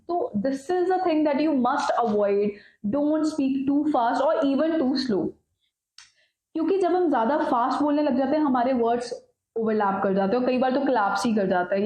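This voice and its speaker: A woman with a slightly high, darkish voice coaches students on exam speaking, mixing Hindi and English in her instructional talk. She gives direct advice and calls the viewers "guys". The recording is muffled, in an echoey room.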